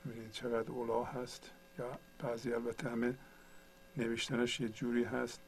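A man's voice: mid-range voice, monotone, a little hiss or hum, rough recording. A man teaching a computer tutorial, patiently explaining each step one at a time. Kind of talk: screen-share tutorial.

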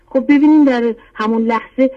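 Earnest woman caller on a dull line. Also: high-pitched. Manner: earnest, heartfelt, urging listeners. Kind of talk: call-in testimony.

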